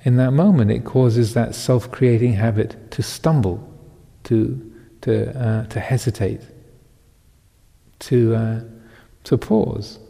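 A Buddhist monk in his fifties giving a Dhamma talk, reflective and halting, with many pauses and soft chuckles. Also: medium pitch, vocal fry. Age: 50s. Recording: long hall reverb.

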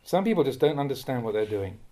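A man, a monk, reading a Dhamma talk aloud in a measured, admonishing way that rises sharply when he scolds. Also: medium pitch, big pitch swings, dark tone. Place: monastery.

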